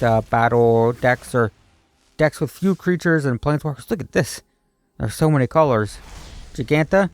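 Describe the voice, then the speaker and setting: A man with a mid-pitched voice gives casual gaming commentary, thinking out loud as he goes. His delivery is hesitant and rambling. The sound is dry, with music softly present behind him. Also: no echo. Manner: rambling, hesitant, musing aloud. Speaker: video creator opening card packs.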